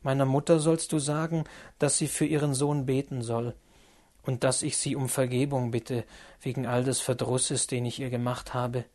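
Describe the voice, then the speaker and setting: A man narrating a classic novel as an audiobook, measured and solemn. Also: mid-range voice, fairly even intonation, darkish tone.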